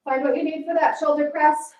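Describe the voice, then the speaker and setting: A woman with a high voice coaches a circuit workout in classic aerobics instructor style. She gives short commands, counts and steady encouragement. The sound is roomy and echoing, with the mic some way off from her. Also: fairly quick. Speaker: fitness instructor. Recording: echoey room, distant mic.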